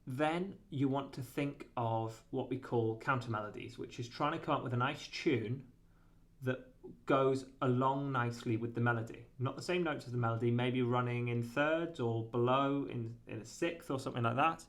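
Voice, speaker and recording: A man's voice: medium pitch, normal speed. A man giving a casual guitar lesson, rambling and correcting himself often, with lots of fillers. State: has the hiccups. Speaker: guitar teacher.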